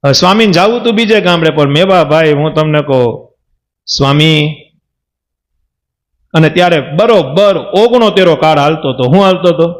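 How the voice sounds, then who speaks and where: A man with a Kathiawadi Gujarati accent telling a devotional story to a temple assembly as a lay preacher, stopping often to quiz his listeners with rhetorical questions. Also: a little high. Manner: quizzes the audience with repeated rhetorical questions. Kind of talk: storytelling sermon.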